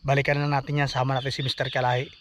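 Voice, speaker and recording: A man's voice: mid-range voice, level tone, very fast. Uneasy man vlogging outdoors on a phone. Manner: hushed, uneasy, urging to leave. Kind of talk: casual vlog narration. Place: outdoors near a forest. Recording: dull lo-fi phone audio with outdoor noise.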